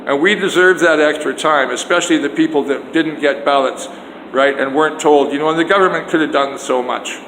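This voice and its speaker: Holding his phone out on a selfie stick, an older vlogger from Canada rants about politics in a loud, forceful, frequently indignant way, his pitch on the high side and his pace brisk. He starts outside, then heads up indoor stairs into a hallway, where the audio turns echoey, with long reverb and noise.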